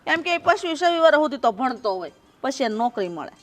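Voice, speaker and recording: A woman's voice: high voice, sing-song, fast talker, soft background music. A woman playing a controlling older mother who scolds and commands her son. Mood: domineering. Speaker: domineering mother. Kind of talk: Gujarati film drama.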